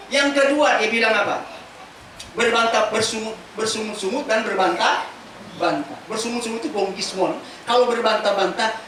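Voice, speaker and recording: A woman pastor preaching a sermon, lively and chatty, asking the congregation questions as she teaches. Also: a little high, a little hiss or hum. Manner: casual spoken Indonesian mixed with scripture teaching. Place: large church hall. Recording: very echoey church hall from far off.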